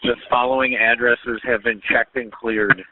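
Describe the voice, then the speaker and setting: A man's voice: medium pitch, level tone, measured pace, slight background noise. A police officer, a man, reporting in clipped, matter-of-fact radio procedure over a walkie-talkie. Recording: tinny dry radio transmission.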